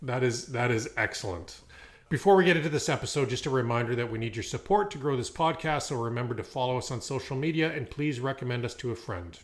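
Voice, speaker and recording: A middle-aged man opens a podcast with a prepared introduction at an average pitch. He reads it in an upbeat, announcer-like way and drops in the odd filler. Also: quick pace. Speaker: podcast host.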